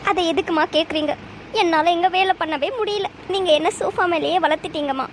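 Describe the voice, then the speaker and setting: A woman's voice: extremely high pitch, brisk, a little hiss or hum. A woman voicing a spoiled young married daughter in a cartoon, whiny and complaining. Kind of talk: cartoon voice acting.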